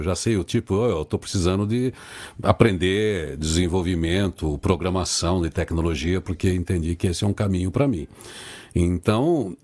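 A man in casual conversation, speaking in a measured, reflective way as he offers advice. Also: low voice, darkish tone.

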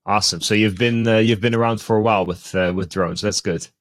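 A man's voice: fairly low pitch, steady tone, fast, no room sound, clean studio sound. A man co-hosting a podcast, easygoing and talking with many fillers. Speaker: podcast co-host and drone news writer. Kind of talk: casual podcast chat.

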